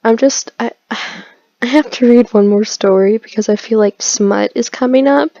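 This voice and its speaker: A woman's voice: a little high, moderate pace, warm tone, no room sound, lo-fi sound. A young woman reads bad fan fiction aloud for comedy, breaking off into sarcastic, exasperated commentary with frequent sighs. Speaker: YouTube host reading fan fiction aloud. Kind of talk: comedic dramatic reading with commentary.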